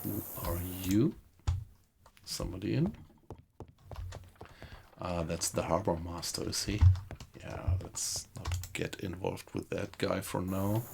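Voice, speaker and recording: A man's voice: sits low, takes it slowly, creaky, long pauses, darkish tone, slight background noise. A man giving casual gameplay commentary, musing to himself and asking himself questions as he goes. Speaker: gaming video host.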